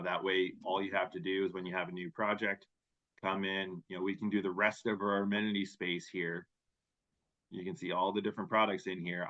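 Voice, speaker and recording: A man hosting a webinar and demoing software, casual and conversational. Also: low voice. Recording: dull lo-fi audio.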